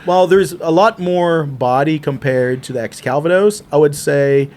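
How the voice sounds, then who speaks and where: Podcast host, male, slightly high-pitched, casual and joking, explains in quick bursts. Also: darkish tone. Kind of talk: casual whiskey review chat.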